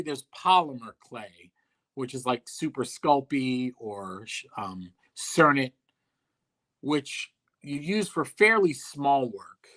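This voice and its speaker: Male sculptor guest, blunt and deadpan, bright edge to the voice. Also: medium pitch. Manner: blunt, dry, profane, offhand. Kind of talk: casual interview talk.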